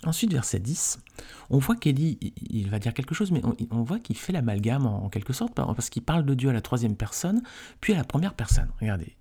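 A man's voice: mid-range voice, big pitch swings, brisk, breathy edge. A man leading a conversational Bible study, reading scripture aloud and explaining it informally to listeners he calls friends. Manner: reads scripture aloud, then explains it informally with frequent tag questions; addresses listeners warmly as friends. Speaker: Bible teacher.

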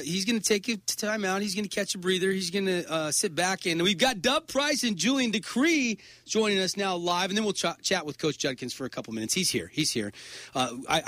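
A man hosting a sports radio show in a studio, chatty and lively, often stumbling and repeating words as he interviews guests. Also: high-pitched, no room sound.

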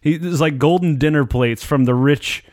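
A man's voice: on the high side, normal speed, a little mellow, no echo, studio quality. Profane, storytelling man on a podcast. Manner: profane storyteller, mocking voices. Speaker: podcast co-host. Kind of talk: casual comedy podcast banter.

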